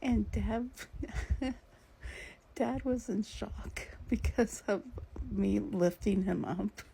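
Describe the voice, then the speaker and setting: A woman's voice: mid-range voice, drawn-out words, vocal fry, warm tone, a little hiss or hum, poor audio. A woman caring for her father tells a story in a casual vlog, often dropping to a whisper and laughing as she talks. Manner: often drops to a whisper, laughs through the telling. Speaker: family caregiver for her father.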